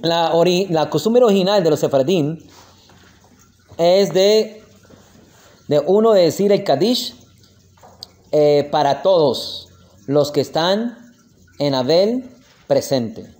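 A man's voice: a little high, lively intonation, darkish tone. Man teaching prayer customs, checking in. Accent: Colombian Spanish. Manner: explanatory, checks in often with "¿ok?" and "¿listo?"; slows down to spell out prayer words. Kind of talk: classroom lesson on prayer.

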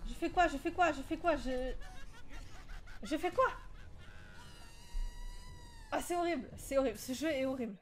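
A woman's voice: high voice, normal speed, pauses often. A woman giving casual commentary on a horror game, jumpy and panicky, often laughing and repeating herself. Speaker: let's play gamer.

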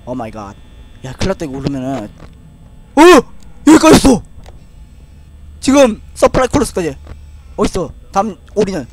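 Casting: young male horror game streamer, frightened and jumpy, high voice with big pitch swings, repeats himself in panic. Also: very animated, a little fast, long pauses. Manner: scared, jumpy, exclaiming and repeating words in panic. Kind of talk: live game commentary. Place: indoor room at a desk, streaming with webcam.

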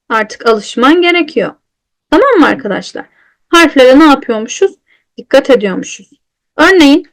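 A high-pitched woman leads an online lesson on reading the Quran correctly. She speaks in a patient teaching tone and answers her own questions. She draws out each letter sound slowly when she demonstrates it.

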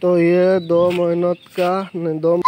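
Strolling past the garden beds and vegetable plot, this young vlogger keeps his phone at arm's length and talks enthusiastically to the people watching. He speaks slowly in a high, monotone voice over a noisy background.

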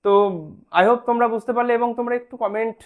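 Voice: medium pitch, little pitch movement, fast talker. An English spelling teacher giving an online lesson, patiently sounding words out syllable by syllable and often checking that students follow.

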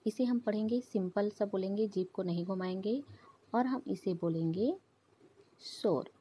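A woman's voice: mid-range voice, normal speed, warm tone, husky. A woman teaching an English pronunciation lesson to children, patiently explaining with repeated examples.

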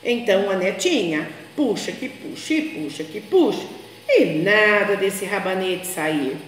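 A woman's voice: medium pitch, expressive, measured pace, a little hiss or hum. Woman, Brazilian Portuguese accent, children's storyteller, sing-song, very echoey room with long reverb. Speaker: teacher reading to children.

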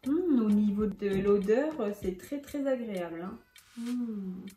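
A young woman, chatting bubbly and animated as a beauty vlogger testing makeup. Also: medium pitch, slow. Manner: bubbly, chatty, exclaims a lot. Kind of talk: casual makeup tutorial vlog. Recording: echoey room with background music.

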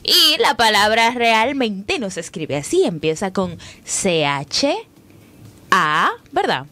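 A woman's voice: medium pitch, takes it slowly. A woman with a Dominican accent, co-hosting a radio show, chatty and a bit chiding. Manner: lively, chiding, explains. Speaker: radio co-host. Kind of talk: casual radio banter.

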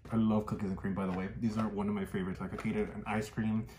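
A man's voice: fairly low pitch, flat delivery, very fast. Man talking through a cloth mask. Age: 30s. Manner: chatty, easygoing running commentary. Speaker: vlogger. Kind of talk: casual candy taste-test vlog. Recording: echoey room with noise.

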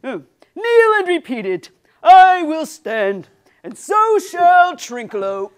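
A woman playing a boastful male would-be king in a comic stage parody, slow, grand and mock-regal. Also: extremely high pitch, big pitch swings, voice pushed up, heavily acted.

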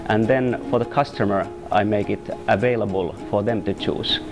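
A chef in his forties from Finland, speaking English with a Finnish accent, explaining steadily with small pauses in an interview. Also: on the low side, fairly even intonation, music in the background. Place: restaurant interior.

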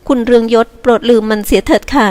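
A woman voicing a gentle, forgiving young girl who speaks softly and sweetly. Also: a little high, fairly quick, pitched above the performer's own voice, lightly acted. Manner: soft, sweet and soothing.

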